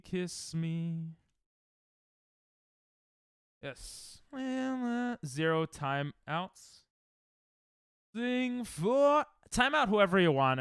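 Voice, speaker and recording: His fairly high, bright, clear, and resonant voice comes through a dry, clean studio recording as he streams a game. He keeps up casual, sarcastic joking with the chat.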